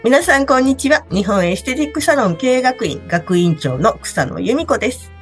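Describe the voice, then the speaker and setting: A woman's voice: on the high side, expressive, moderate pace, soft background music. A woman with a stuffy, nasal voice from a cold, explaining things politely in a conversational talk-program style. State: has a cold. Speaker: beauty salon academy director, expert speaker.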